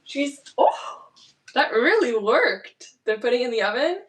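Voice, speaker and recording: A Canadian woman cooking streamer chats casually in her home kitchen, rambling, chatty and correcting herself as she goes. Her voice sits high with big pitch swings and an unhurried pace, filmed on a tripod camera with slight background noise of clicking and clatter behind her.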